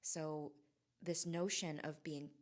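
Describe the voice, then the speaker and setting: At home in Southern California, a woman from Hawaii in her forties speaks to her camera in a casual, reflective monologue. Her unusually low female voice stays fairly even in intonation. She's a vlogger who muses in a halting way, often breaking off, restarting, and filling gaps.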